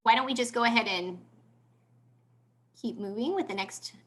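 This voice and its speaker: Woman moderator on a video call; higher, bright voice, brisk with fillers. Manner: brisk, with frequent ums. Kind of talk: hosting a video panel.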